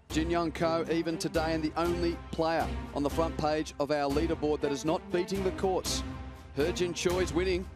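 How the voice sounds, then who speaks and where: A man working as a golf commentator, delivering tournament commentary and score updates. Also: fairly high pitch.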